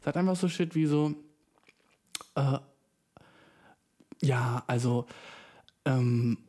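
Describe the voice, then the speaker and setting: Young man with a mellow, slangy delivery. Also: mid-range voice, slow pace. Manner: rambling, profane, slangy, mixes in English words. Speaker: podcast host. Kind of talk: casual podcast monologue.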